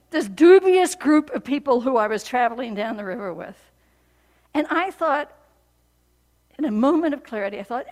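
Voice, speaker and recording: A woman pastor giving a sermon, telling a story in an animated, conversational way with frequent fillers. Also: high voice. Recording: long reverb of a large hall.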